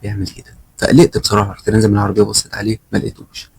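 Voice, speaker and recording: Fast-talking Egyptian man telling a horror tale. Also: lowish voice, completely flat delivery, creaky, darkish tone, breathy edge. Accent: Egyptian Arabic. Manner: fast, conversational retelling with quoted dialogue. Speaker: storyteller. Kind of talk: first-person horror storytelling.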